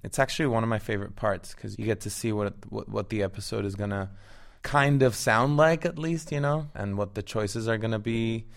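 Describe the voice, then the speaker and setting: A Venezuelan actor, a native Spanish speaker with a Venezuelan accent, chats eagerly as a guest in a casual interview, often restarting his words. His voice is fairly low and gravelly, and he talks fairly quickly.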